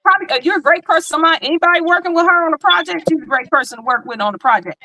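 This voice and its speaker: A woman's voice: very high-pitched, very fast, pushed and bright, dry recording, low-quality recording. A woman hosting a casual livestream over a video call, talking with many fillers and frequent laughs. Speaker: host reading spiritual charts.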